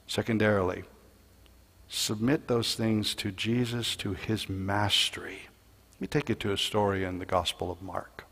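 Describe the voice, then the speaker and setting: A man preaching a sermon as a pastor, telling a Bible story and building louder and higher in the dramatic parts. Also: steady tone, normal speed, creaky. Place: church sanctuary. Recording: long hall reverb in church.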